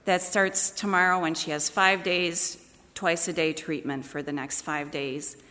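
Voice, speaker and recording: A woman church leader speaks to the congregation in a large meeting hall, keeping her announcements and prayer plain and conversational. Her voice sits low with a steady, sharp tone and an unhurried pace, while the hall echoes with long reverb.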